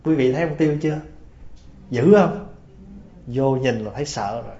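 Speaking at a normal pace in a mellow, mid-range voice, a man delivers a folksy Buddhist sermon built on stories and frequent questions to the audience. The recording sounds roomy and dull, with lo-fi quality.

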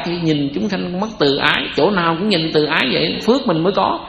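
A man's voice: a little high, a bit bright. A man with a Southern Vietnamese accent giving a Buddhist sermon, chatty and joking, tossing rhetorical questions at his listeners. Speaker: Buddhist teacher. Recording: echoey hall.

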